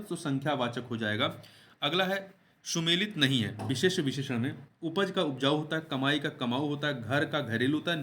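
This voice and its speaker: A man's voice: fairly high pitch, a bit bright. A man teaching an exam prep lesson, going through test questions step by step and repeating answers and rhetorical questions.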